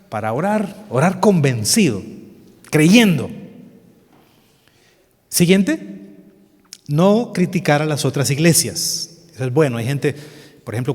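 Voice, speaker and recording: A man with a Salvadoran Spanish accent leads a Bible study seminar, his voice sitting a little high for a man. He speaks earnestly, repeats his key phrases and keeps putting questions to the class. The sound carries a long reverb from a large hall. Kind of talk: seminar teaching.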